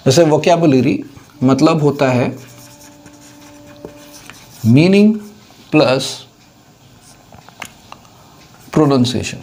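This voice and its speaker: Speaking slowly with long pauses, this man teaches English vocabulary at a whiteboard in a relaxed way, blending English terms into his Hindi. His slightly high voice is a little mellow with lively intonation, carries an Indian English accent, and he steadily explains while asking if everyone follows.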